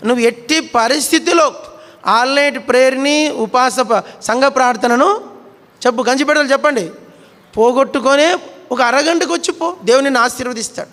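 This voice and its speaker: A man's voice: very high-pitched, normal speed, fairly bright tone. Male pastor, sermon, asks and answers his own questions, long echo of a church hall. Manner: calls on congregation members by name.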